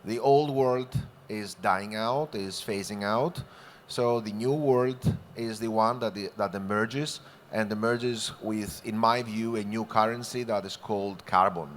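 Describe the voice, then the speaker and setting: A man's voice: fairly low pitch, unhurried, slight background noise. A man from Greece speaking on a conference panel in an expansive, good-humored way, using vivid imagery. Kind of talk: panel discussion remarks.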